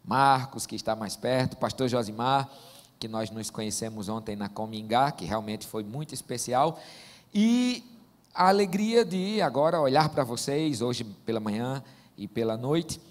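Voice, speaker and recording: A man's voice: mid-range voice, lively intonation, a little slow. A man, preaching as a pastor and telling stories in a folksy, joking way. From Northeast Brazil. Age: 40s. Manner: warm joking storyteller, folksy asides. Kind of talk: sermon. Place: church sanctuary. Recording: long church-hall reverb.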